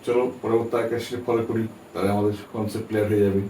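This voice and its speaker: A man with a low, mellow voice gives a patient pronunciation lesson, spelling words letter by letter. He sits back from the mic in a roomy, echoing space with a faint hiss behind him. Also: flat delivery, very fast. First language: Bengali. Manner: patient, repeats and spells out letters, checks understanding. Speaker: English teacher. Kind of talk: spoken English pronunciation lesson. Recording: echoey room, distant from mic, faint background hiss.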